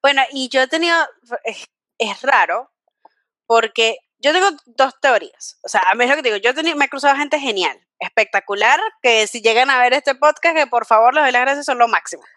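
A Venezuelan woman with a high voice hosts a relaxed, casual podcast chat, telling stories animatedly, a little fast, and laughing often. The recording is close and dry.

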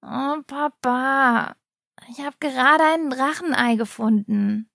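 A woman's voice: sits high, slow, vocal fry, a bit bright, dry recording, studio quality, exaggerated voice. A woman voicing a brave young boy who dreams he is a knight, eager and proud. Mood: sulky.

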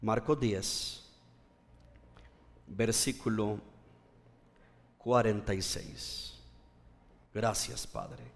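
A man's voice: on the low side, steady tone, drawn-out words, pauses often, big-room sound. A male pastor preaching a fervent sermon, repeating phrases and urging the congregation to respond. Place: church.

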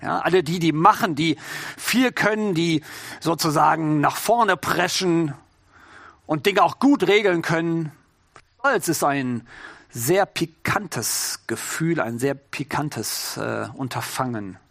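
Middle-aged man, relaxed chatty preacher, high voice, dry close sound, keeps asking the congregation questions. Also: slow pace, vocal fry, no room sound. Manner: informal, addresses the congregation with rhetorical questions. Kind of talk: conversational sermon.

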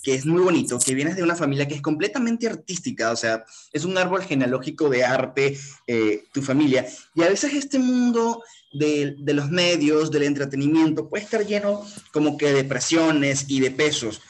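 A man hosting an interview, asking questions in a friendly, easygoing way. His voice sits fairly high for a man. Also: expressive, moderate pace. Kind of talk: conversational interview.

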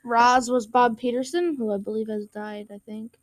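A woman's voice: on the high side, fairly even intonation, normal speed, no echo. A woman co-hosting a casual movie podcast, giving short agreeable replies and giggling often. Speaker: podcast co-host. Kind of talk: casual chat about a movie.

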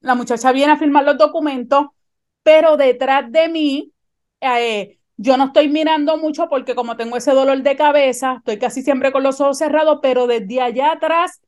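A woman, telling a personal story in animated conversation and often checking that her listener follows. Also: high voice, moderate pace.

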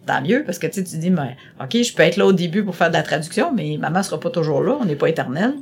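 This casual conversational interview features a middle-aged woman from Quebec with a Québécois French accent. She rambles chattily through her answers, with many hesitations and repeated words. Her low voice is slightly rough, fast and lively in intonation.

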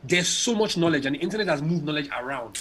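A man's voice: on the high side, lively intonation, fast talker, fairly bright tone. A young man from Nigeria, talking emphatically in a casual podcast conversation and often checking that he is understood. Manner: emphatic, rhetorical, keeps checking in.

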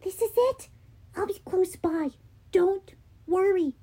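A woman voicing a clever teenage girl who talks briskly and slyly. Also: very high-pitched, big pitch swings, mellow, voice pushed up. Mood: brisk scheming.

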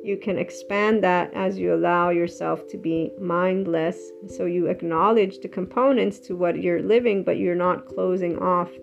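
A woman with a gravelly, creaky voice talks earnestly and a little ramblingly about emotions. Her sound is slightly muffled, and soft guitar music plays faintly behind her. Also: lowish voice, fairly even intonation, unhurried, hardly any pauses. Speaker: self-help speaker. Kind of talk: reflective solo talk on emotions.

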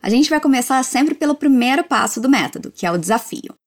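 A woman teaching English in a language lesson, modelling phrases slowly and drawing them out for learners to repeat. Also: sits high, expressive. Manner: slow, drawn-out model phrases for repetition.

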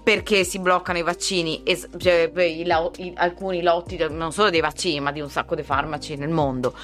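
A woman's voice: lowish voice, fairly even intonation, fairly quick, fairly bright tone, soft background music. A woman co-hosting a casual podcast, explaining things step by step. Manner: explanatory, methodical, checks in with "ok?". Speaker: podcast co-host.

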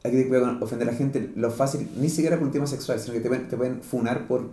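Chilean man, podcast host, mellow tone, loose slangy delivery, roomy sound. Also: medium pitch, steady tone, quick pace, a little hiss or hum. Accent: Chilean Spanish. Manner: rambling, slangy, many restarts and fillers. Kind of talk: casual chat.

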